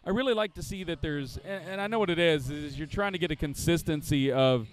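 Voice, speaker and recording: A man's voice: fairly high pitch, brisk, soft background music. A man from the southeastern United States doing color commentary at roller derby, rambling with fillers and restarts.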